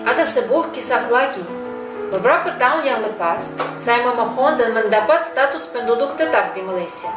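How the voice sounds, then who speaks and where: Speaking fluent Indonesian-Malay with a Russian accent, a middle-aged Muscovite whose native language is Russian delivers a prepared personal testimonial as a foreigner. Her fairly high voice has lively intonation and a moderate pace. Music plays in the background of the roomy, distant-mic recording.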